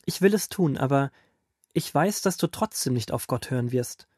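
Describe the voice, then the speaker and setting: A man voicing a steady, earnest prophet who answers a king firmly in a children's Bible audio drama. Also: mid-range voice, moderate pace, no room sound, clean studio sound, close to an everyday voice. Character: firm steady male prophet leader.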